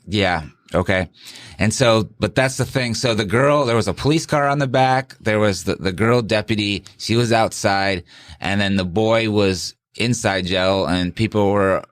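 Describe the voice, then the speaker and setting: A middle-aged man with a lowish voice talks in a loose, rambling way, often stopping to restart or correct himself. The sound is dry and close, with no room around it. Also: unhurried, dry recording. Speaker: guest, sheriff candidate. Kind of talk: casual interview talk.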